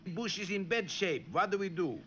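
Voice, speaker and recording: An actor playing a scheming male cartoon spy villain with a thick put-on accent, sly and gravelly. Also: high voice, lively intonation, moderate pace. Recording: dull noisy vintage cartoon soundtrack.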